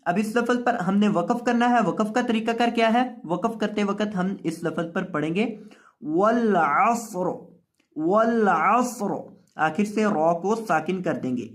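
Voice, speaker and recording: A man with a Pakistani Urdu accent teaching Quran reading, spelling out letters and drawing out each syllable in a slow recitation lesson. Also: high voice.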